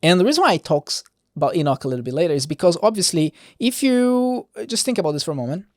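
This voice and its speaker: A man reads Bible verses in a plain, steady way, then drifts into casual commentary with small chuckles. His pitch moves up and down a lot as he talks. The recording is dry and close, with no room sound. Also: fast, no room sound. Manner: hesitant restarts while explaining. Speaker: podcast host reading scripture.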